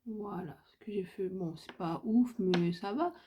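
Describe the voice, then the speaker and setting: A woman's voice: mid-range voice, measured pace, mellow, breathy edge. A woman from France chatting casually through a makeup tutorial, hesitant and thinking aloud with lots of fillers. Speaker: beauty vlogger.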